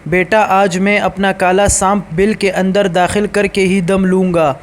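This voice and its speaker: A man's voice: high-pitched, flat delivery, close to an everyday voice. A man voicing a menacing middle-aged uncle, speaking in a cold, threatening way.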